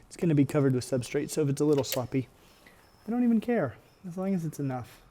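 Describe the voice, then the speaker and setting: A man hosting a casual DIY build vlog, with an excited, gushing makeover-reveal manner. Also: a little high, fast talker, slight background noise. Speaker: host of a reptile enclosure build video.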